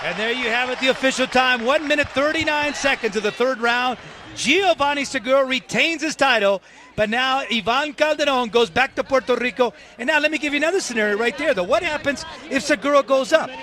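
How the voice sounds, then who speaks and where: A man with a very high-pitched, brisk voice calls a boxing match live, using emphatic, dramatic phrasing as a play-by-play commentator. Loud crowd and arena noise fill the background.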